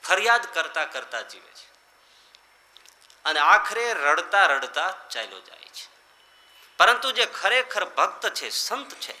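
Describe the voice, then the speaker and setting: Bright-voiced preaching monk. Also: male voice, echoey room. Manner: rhetorical, swinging between loud emphatic lines and quiet low ones. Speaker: monk giving a scripture discourse. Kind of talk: sermon.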